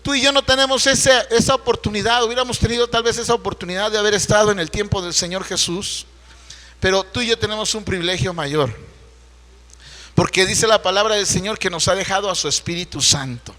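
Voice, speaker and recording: Pastor telling bible stories at sunday service, high voice, big church echo. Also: male voice, fairly quick, pushed and bright. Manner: conversational storytelling preaching, with rhetorical questions. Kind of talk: Sunday sermon. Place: church sanctuary.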